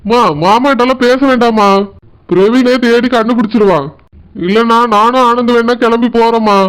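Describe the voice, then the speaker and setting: A man's voice: extremely high pitch, fairly even intonation, moderate pace, a bit bright, clear, resonant tone. A man voicing a grown village son in a cartoon, frustrated and reasoning with his mother. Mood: exasperated. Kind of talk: cartoon village comedy voice acting.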